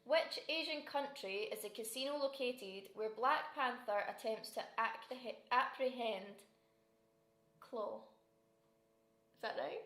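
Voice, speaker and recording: A Scottish woman with a fairly high voice hosts a relaxed quiz, reading the questions aloud and giggling between them. The sound is roomy and echoey. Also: takes it slowly. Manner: giggly, chatty, reads questions twice. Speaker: quiz host. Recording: roomy echo.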